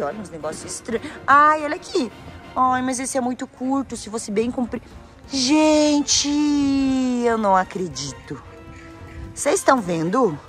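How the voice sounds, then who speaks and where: A woman with a Brazilian Portuguese accent, filming a scripted adventure vlog outdoors on a handheld phone and exclaiming to her viewers. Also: medium pitch. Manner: excitable, exclaims a lot, talks straight to viewers. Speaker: family vlogger.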